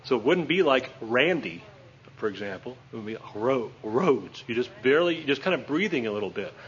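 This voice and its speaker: This man's medium-pitched voice is expressive and brisk as he teaches at a whiteboard, joking and chatting and frequently checking in with his students. The audio is a bit dull and lo-fi, with a faint hiss beneath him.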